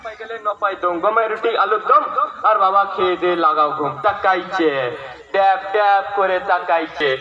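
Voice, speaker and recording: A man's voice: high voice, normal speed, crowd noise. A man reciting a sing-song comic rhyme as a contestant. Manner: sing-song rhyming chant. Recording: dull, echoey, from far off.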